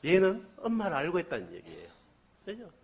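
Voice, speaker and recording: A man's voice: sits high, a little fast, a little hiss or hum. A man preaching a sermon as a guest revival speaker, telling a story and asking the congregation questions, with a slight cold. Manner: animated, asks the congregation questions.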